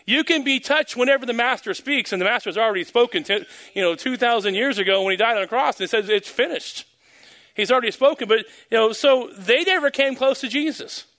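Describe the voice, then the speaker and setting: The pastor here has a very high, pushed and bright voice and speaks a little fast. Leading a church service from the pulpit microphone, he prays fervently and preaches, often repeating words and hesitating with ums.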